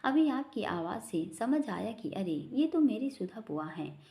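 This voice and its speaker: A cheeky, bantering young man from a family storybook, as a woman narrator reads him. His lines swing lively up and down, in a soft, mellow tone. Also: high voice, measured pace, full character voice. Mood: teasing. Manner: bantering, teasing. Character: playful joking young man, teasing and cheeky.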